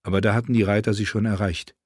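A man narrating an audiobook in a measured, even storytelling manner. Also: on the low side, dry recording, clean studio sound. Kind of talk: scripted narration.

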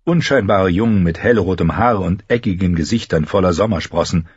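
A man narrating a fantasy story in an audiobook with measured, even delivery. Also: sits low, breathy edge, dry recording, muffled recording.

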